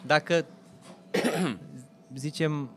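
A man in casual chat, arguing his point emphatically, with a rough, blunt way of addressing his friend. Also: fairly high pitch, fairly bright tone. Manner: emphatic, argumentative, calls people "bă" and "mă".

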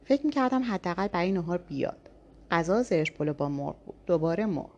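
راوی زن با صدای نسبتاً بم. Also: female voice, lowish voice, lively intonation, a little mellow, muffled recording. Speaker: narrator. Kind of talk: first-person audiobook narration.

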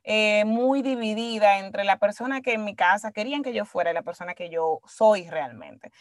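A woman's voice: medium pitch, lively intonation, normal speed, dry recording, studio quality. A woman with a Dominican Spanish accent in casual conversation, reflective and emphatic, slipping English words into her Spanish and checking for agreement. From Dominican Republic. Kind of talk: casual conversational interview, personal storytelling.

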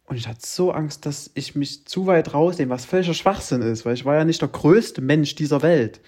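A woman in casual chat with a friend, teasing and laughing often, sometimes sinking to a quiet murmur. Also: low-pitched, normal speed, slightly rough. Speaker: co-host.

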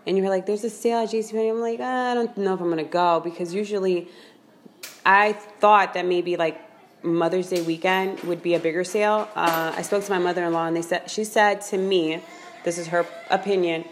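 A woman's voice: lowish voice, fairly even intonation, moderate pace, a little hiss or hum. A woman co-hosting a casual podcast, talkative and eager to jump in with her own stories. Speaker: podcast co-host.

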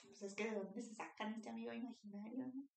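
A woman's voice: fairly high pitch, steady tone, fairly quick, gravelly, a little mellow. A woman, co-hosting a podcast in casual, chatty conversation. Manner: chatty, supportive back-channeling. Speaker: podcast co-host. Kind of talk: casual chat. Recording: roomy, distant mic.

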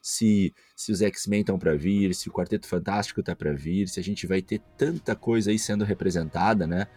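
A man's voice: deep voice, normal speed, darkish tone, breathy edge. A Brazilian man co-hosting a casual pop-culture podcast, thinking aloud and often checking in with his co-host.

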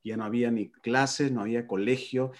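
A man chatting playfully with his wife, telling stories in a lively, performed way. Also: mid-range voice, a little fast. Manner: playful, animated storyteller. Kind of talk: casual chat about marriage.

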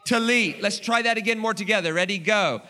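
A man preaching a teaching sermon in an animated way, repeating phrases for emphasis and prompting his listeners. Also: high voice, quick pace.

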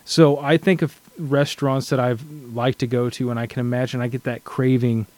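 A man's voice: mid-range voice, level tone, moderate pace, a little mellow, no room sound. A man sharing his thoughts in a casual scripture study discussion, earnest and reflective, often restarting his sentences.

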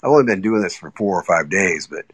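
Via iPhone, a guest caller takes part in a casual chat on a live audio app, talking in eager stops and starts with restarts. His voice is low-pitched and expressive with a breathy edge, recorded dry.

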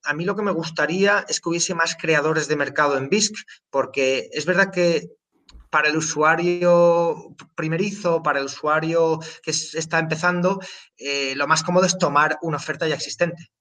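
A man's voice: on the high side, steady tone, normal speed, fairly bright tone, far from the mic. A man guest explaining things in casual talk, restarting and repeating himself often as he thinks aloud. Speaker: guest explaining a trading platform.

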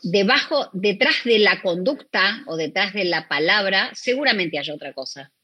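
A woman's voice: mid-range voice, animated, normal speed, pushed and bright, slightly rough, no echo. A middle-aged woman with a Rioplatense Spanish accent, a guest in a conversational interview, talking expressively and acting out quoted dialogue.

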